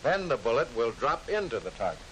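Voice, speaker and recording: A middle-aged American man giving formal, instructive mid-century newsreel-style narration for a military training film, in measured phrases. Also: medium pitch, very animated, fairly bright tone. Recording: hissy, noisy vintage film soundtrack.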